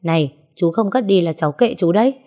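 A woman's voice: on the low side, expressive, a little fast, mellow. A woman voicing a devoted young woman in an audio story who coaxes and pleads. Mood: coaxing. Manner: pleading, coaxing.

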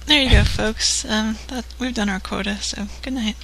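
A woman's voice: a little high, steady tone, moderate pace, a bit bright, a little hiss or hum, poor audio. A woman hosting a late-night prank-call stream, chatting in a loose, unprepared way. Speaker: host. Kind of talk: casual late-night chat.

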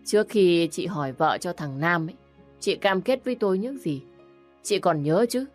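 A woman's voice: lowish voice, animated, moderate pace, soft background music, lightly acted. A woman voicing a haughty middle-aged mother who scolds sharply over the phone in a narrated story. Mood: scolding.

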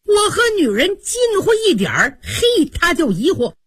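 A vain, petulant young nobleman , as a woman storyteller puts him on, blustering and boastful, his husky voice shooting up high when he rants. Dry, close radio storybook sound. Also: wildly swooping pitch, normal speed, no echo, full character voice.

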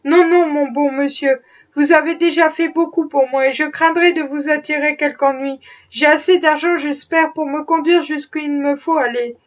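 A woman's voice: high-pitched, fairly even intonation, moderate pace, far from the mic, highs cut off, close to an everyday voice. A woman voicing a desperate young enslaved man fleeing to freedom, with impassioned, defiant pleading. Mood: earnest.

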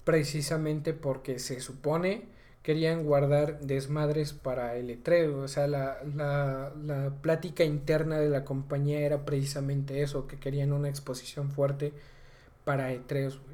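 A hoarse man with a Mexican accent co-hosting a casual gaming podcast, full of slang. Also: fairly high pitch, little pitch movement, a little slow, mellow. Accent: Mexican Spanish. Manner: slangy, says güey constantly. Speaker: podcast co-host.

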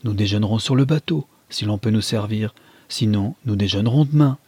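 An impulsive young bride who pleads earnestly to slip away from the crowds, read by a man in an audiobook. The low, husky voice is lifted only slightly for her. The recording sounds close and dry. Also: a little fast, a little mellow, no room sound. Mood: eager. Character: young newlywed woman, impulsive, craving solitude.

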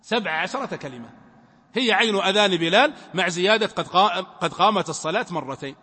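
High bright-voiced sheikh teaching. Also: male voice, lively intonation, quick pace, breathy edge. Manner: emphatic, poses questions to students and answers them. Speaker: sheikh teaching Islamic law. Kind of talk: religious lesson. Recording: long reverb from a hall.

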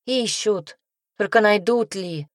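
A woman's voice: medium pitch, slow pace, dry recording, clean studio sound, voice pushed up, close to an everyday voice. A woman reading an audiobook aloud, voicing an anxious and stubborn young village girl who pleads and insists. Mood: insistent, worried.

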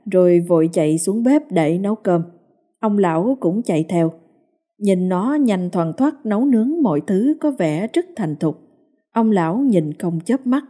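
Husky woman narrating a ghost story. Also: on the low side. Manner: steady, dramatic storytelling. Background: soft music.

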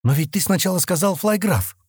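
A man reading an audiobook, voicing a young alien woman pilot who explains things in a calm, matter-of-fact way. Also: sits high, a little fast, breathy edge, no echo, studio quality, voice pushed up. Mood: displeased.

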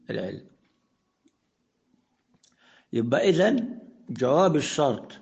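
A man's voice: a little high, gravelly, a little mellow, lo-fi sound. A man with an Egyptian accent teaching an Arabic grammar lesson in a conversational way. He asks the class questions, answers them himself, and recites verses in a raised voice.

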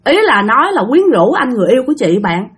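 Southern Vietnamese woman, high and lively, chatty story narrator. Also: quick pace. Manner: chatty, addresses listeners directly. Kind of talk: spooky-story narration to listeners.

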